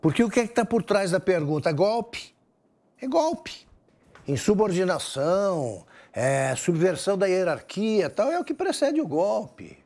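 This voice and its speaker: A male political commentator with a high voice that swings widely in pitch. He talks with scornful indignation and presses rhetorical questions. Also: big pitch swings, moderate pace, hardly any pauses, darkish tone. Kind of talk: heated opinion commentary.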